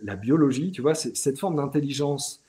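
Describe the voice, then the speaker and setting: A middle-aged French-speaking man, a guest in an interview, talks at normal speed in a mid-range voice. He's relaxed and chatty but hesitant, with frequent restarts, small fillers and lots of "tu vois".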